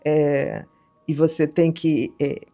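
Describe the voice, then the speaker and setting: A middle-aged woman, a psychiatrist telling stories in a casual podcast conversation, lively and acting out the people she quotes. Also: low-pitched, slow, soft background music. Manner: animated storyteller, acts out quoted voices. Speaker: psychiatrist guest.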